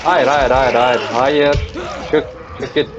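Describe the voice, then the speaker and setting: A young man streaming a zombie game, joking and talking to the zombies as he plays, sometimes bursting into yells. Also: medium pitch, fairly even intonation, slow, over music. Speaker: gameplay streamer. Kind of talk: casual let's-play commentary. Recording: dull lo-fi mic with noise.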